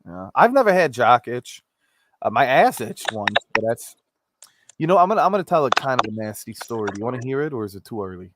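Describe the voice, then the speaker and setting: A man rambles through a joking, casual live show as host, his pitch swinging in an animated way. His p sounds pop on the mic, and there are clicks and faint noise behind him. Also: fast talker. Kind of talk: casual comedic live chat, reading viewer comments.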